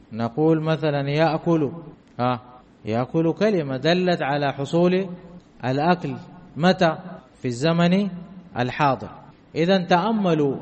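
A male teacher giving a grammar lesson, repeating key terms and quizzing his listeners with short questions. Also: fairly high pitch. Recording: dull lo-fi sound with long hall reverb.

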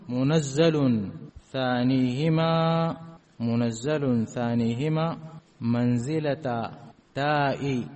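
A man giving a classroom grammar lesson. He keeps asking whether his students have understood, and he repeats key words slowly. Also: mid-range voice, darkish tone. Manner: checks understanding with repeated questions. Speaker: grammar teacher.

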